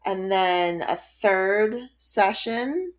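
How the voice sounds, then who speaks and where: A woman in her late thirties co-hosts a podcast, chatting casually and upbeat, laughing a lot. Her voice is mid-range and she speaks very slowly.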